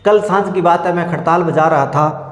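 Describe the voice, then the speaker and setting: A man teaching an exam-prep lesson. He repeats a memory-trick story slowly and explains each word. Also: on the high side. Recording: echoey room with long reverb.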